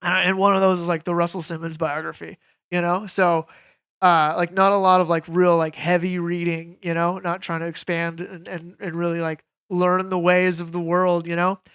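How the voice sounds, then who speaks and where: Smooth-voiced man telling rambling stories. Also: high-pitched, normal speed. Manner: rambling, filler-heavy, animated storyteller. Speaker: podcast guest, jiu jitsu coach. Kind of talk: casual storytelling chat.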